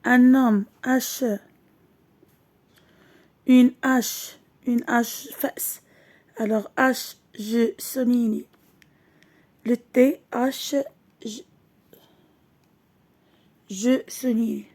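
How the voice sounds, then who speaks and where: Slow, high-voiced woman teacher. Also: steady tone, darkish tone. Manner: slow, stretching each word and repeating it; switches between French and Arabic. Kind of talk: slow classroom lesson.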